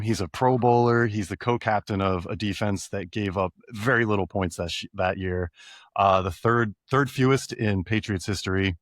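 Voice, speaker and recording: A man on a podcast telling a sports story in a casual, animated way. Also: fairly low pitch, dry recording, clean studio sound. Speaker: podcast co-host.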